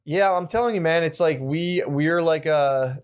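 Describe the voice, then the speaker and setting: A man's voice: on the high side, moderate pace, clean tone. Male podcast co-host, loose and profane, rambles and acts out quotes. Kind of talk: casual crude banter.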